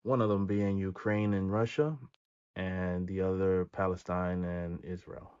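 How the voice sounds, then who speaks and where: A man hosting his own channel, giving measured commentary and reading out statistics with frequent filler pauses. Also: deep voice, level tone, darkish tone, clear, resonant tone, muffled recording. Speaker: video host.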